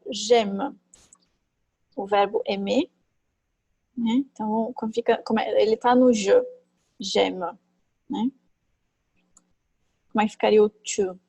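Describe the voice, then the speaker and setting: A woman teaching a French class online, chatty and thinking aloud, with many fillers and quick tag questions, on a computer mic. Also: mid-range voice, mellow, slightly rough, no room sound, poor audio. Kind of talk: online class, explaining grammar.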